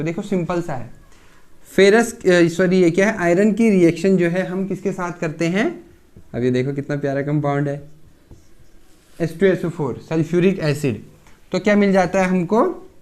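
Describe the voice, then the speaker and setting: A man giving a casual pharmacy chemistry lecture. He explains step by step, asks himself questions and answers them, and keeps checking in with "theek hai". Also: fairly high pitch.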